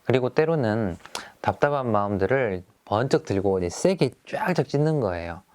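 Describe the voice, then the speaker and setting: A man's voice: mid-range voice, lively intonation, moderate pace, darkish tone, clear, resonant tone. A middle-aged male teacher who talks through classroom activities in a friendly, explaining way, often starting with fillers.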